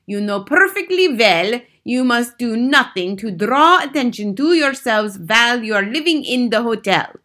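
An imperious storybook witch queen. Her voice is pitched well up and pushed loud. She snaps out menacing orders with gloating authority and stilted grammar. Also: animated, moderate pace, few pauses. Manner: commanding, snapping, shouting, odd foreign-sounding grammar. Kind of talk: audiobook children's story villain.

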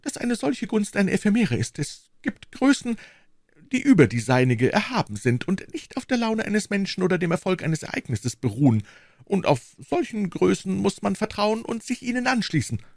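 A man's voice: sits high, sing-song, normal speed, vocal fry, a little mellow, dry recording, studio quality, voice pushed up, heavily acted. A man reading aloud and voicing a determined young wife in a raised, urgent voice. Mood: earnest. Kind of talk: audiobook reading.

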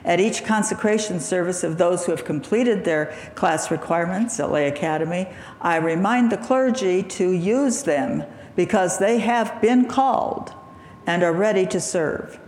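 A woman lay speaker giving an earnest sermon in a church sanctuary, with a throaty, gravelly morning voice. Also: lowish voice, darkish tone. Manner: measured, earnest preaching with throat clearing. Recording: echoey hall reverb, faint ambience.

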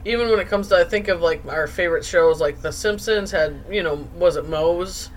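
A woman's voice: lowish voice, moderate pace. Casual woman co-host, noisy recording. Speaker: podcast co-host and bartender. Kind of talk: casual chat. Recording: clear background noise.

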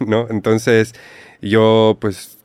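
A man who is a travel content creator, a guest in a casual chat, who talks in a relaxed way and playfully mimics accents. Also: fairly low pitch, very slow, smooth, no echo, clean studio sound. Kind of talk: casual conversation.

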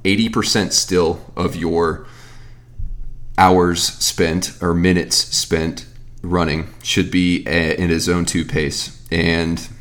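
In his thirties, this fitness coach and podcast host has a very deep, low voice and offers training advice in a relaxed, chatty style. He wanders off topic, starts sentences over and drops in offhand remarks, much like someone fielding listener questions on his own show.

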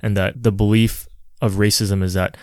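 A man explains a set of terms in a careful, methodical way. His voice is low, smooth and resonant, with an even delivery. The sound is dry and close. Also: dry recording. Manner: measured, defining terms. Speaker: panel participant. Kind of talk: explanatory discussion.

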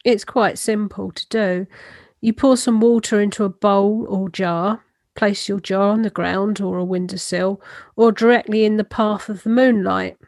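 A woman giving step-by-step explanatory instruction in a calm, matter-of-fact way. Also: mid-range voice, measured pace, no room sound, studio quality. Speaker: speaker explaining a ritual practice.

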